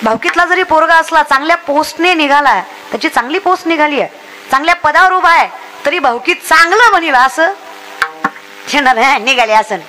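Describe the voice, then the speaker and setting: A young woman delivers a comic devotional sermon, her voice pitched very high and ringing bright. She exhorts the crowd and slips into villagers' voices to act out their words. A faint background hum runs beneath her. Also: a little fast. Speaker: kirtan preacher.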